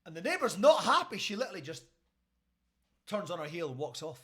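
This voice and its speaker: A man's voice: high voice, very animated, fairly quick, fairly bright tone. A Scottish man, a radio host, telling a story casually on a live stream and checking in with his listeners. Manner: chatty, keeps checking in with listeners.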